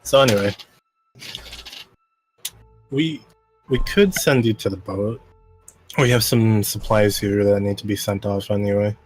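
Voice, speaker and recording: Laid-back, swearing dungeon master. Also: male voice, on the low side, steady tone, unhurried, long pauses, faint music behind. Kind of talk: casual tabletop game narration.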